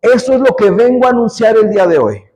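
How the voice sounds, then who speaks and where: A man's voice: very high voice, animated, fast, a little mellow, muffled recording. A man preaching a sermon, emphatic on key lines and chatty in his asides to the congregation. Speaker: pastor.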